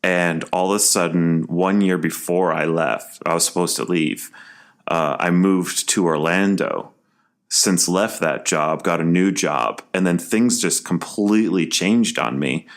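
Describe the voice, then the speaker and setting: Man, low voice, casual podcast chat, rambling animated storytelling, restarts, swearing. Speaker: podcast co-host.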